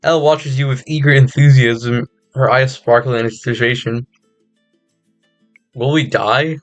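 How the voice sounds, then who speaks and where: A man's voice: medium pitch, fairly even intonation, normal speed, no echo, faint music behind. A man streaming a game, reading its narration aloud with giggles and stumbles. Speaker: gaming streamer.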